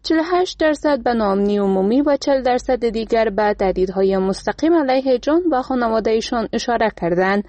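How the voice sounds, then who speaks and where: This is a woman reporter with an Afghan Dari accent delivering a scripted news report. She speaks steadily and formally in a slightly high, mellow, darker voice. The sound is close and dry. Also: no room sound.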